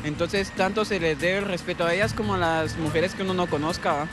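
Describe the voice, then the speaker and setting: A man's voice: sits high, steady tone, quick pace, music in the background. A young man on the street giving an earnest, fluent answer into a handheld mic. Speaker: interviewee. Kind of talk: street interview.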